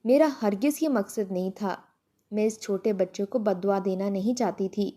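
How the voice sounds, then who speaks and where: A woman voicing an outspoken young daughter, indignant and tearful, mellow in tone. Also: mid-range voice, close to an everyday voice.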